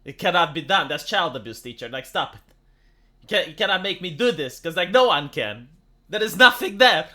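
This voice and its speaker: Sarcastic and fed up, a Romanian-accented YouTube commentator and streamer airs his opinions casually, tossing in rhetorical tag questions. His voice is on the high side, bright and forceful, expressive and at a moderate pace.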